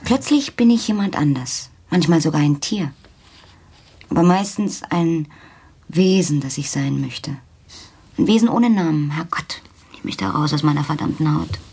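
A restless, provocative woman with a lowish, husky voice. She teases and taunts, quick to laugh off threats. A 1980s radio play. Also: animated, mellow, exaggerated voice. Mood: wistful. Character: restless provocative woman who dances, teasing and needy.

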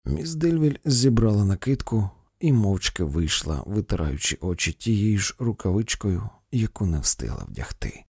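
A man narrating an audiobook in an expressive storytelling manner, recorded on a close mic. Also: on the low side, moderate pace, hardly any pauses, breathy edge, no echo. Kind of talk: audiobook reading.

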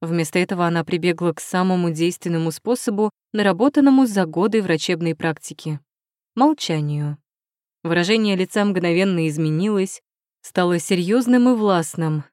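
A woman narrating an audiobook in an even storytelling manner. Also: fairly low pitch, fairly quick, no echo, clean studio sound. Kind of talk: scripted narration.

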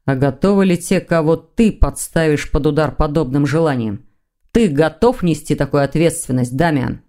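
A composed elder male demon who heads an academy, measured and quietly mocking, as a woman reads him aloud. His lines come low and unhurried, with a dark, mellow tone. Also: animated. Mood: dry. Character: older male demon, academy rector and calm father.

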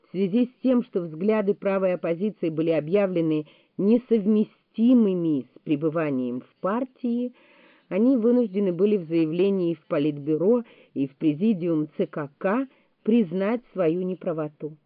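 A woman giving a measured, deliberate audiobook narration of a memoir. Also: fairly low pitch, lively intonation, dry recording. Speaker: audiobook reader. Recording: tinny phone-like, dry sound.

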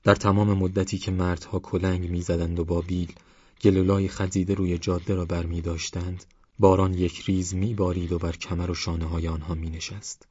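Male audiobook narrator, calm and even. Low, husky voice, little pitch movement, dry and slightly dull recording. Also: no room sound. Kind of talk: scripted novel narration.

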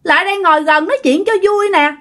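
A woman voicing a leering, possessed young woman with a shrill, piercing voice and a Southern Vietnamese accent. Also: fast, a bit bright. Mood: leering, coaxing. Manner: coaxing, taunting, cackling.

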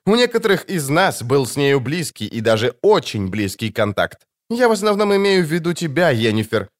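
A man's voice: fairly high pitch, sing-song, brisk, pitched above the performer's own voice. A man voicing a poised, authoritative sorceress who speaks formally to her council.

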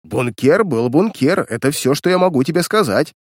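A man's voice: mid-range voice, sing-song, moderate pace, no echo, studio quality, natural voice. A man voicing a sly, blustering villainous uncle in an audiobook reading, with mocking, indignant outbursts.

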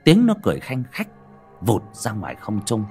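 A male storyteller narrates a horror audiobook. His pitch moves a great deal and he tells the story with expression. Faint music runs underneath. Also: wildly swooping pitch, moderate pace, darkish tone, breathy edge.

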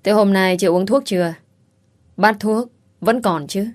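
A woman voicing a calm, mocking young wife who corners her rival. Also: mid-range voice, unhurried, natural voice. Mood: taunting. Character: cool, cutting young wife taking revenge.

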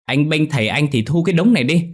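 A fiery older market woman shrieks and scolds in a high, husky voice, played by a man reading a ghost story. She talks loud and fast and cannot keep her temper. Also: expressive. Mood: nagging. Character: shrill hot-tempered old market woman, a wife.

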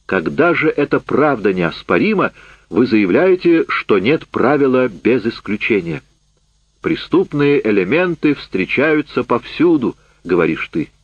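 A man's voice: medium pitch, sing-song, measured pace, breathy edge, no echo. A man voicing a furious, accusing camp survivor. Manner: loud, heated, accusing. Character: bitter, worn-out man just back from a camp. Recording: dull, dry lo-fi recording.

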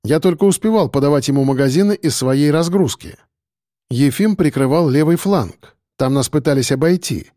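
A male audiobook narrator reads a first-person story in a steady, tense way. His voice is mellow and dark, pitched a little high for a man. The recording is dry and close, with no room sound. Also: moderate pace, no echo.

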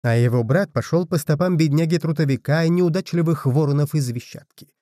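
A man's voice: fairly high pitch, a little fast, mellow, dry recording, studio quality, lightly acted. A man voicing Bedda, a grieving, reproachful older widowed mother who laments and scolds. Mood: lamenting.

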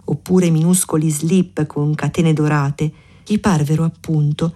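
A woman narrating a literary audiobook in a measured, even storytelling manner. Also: low voice.

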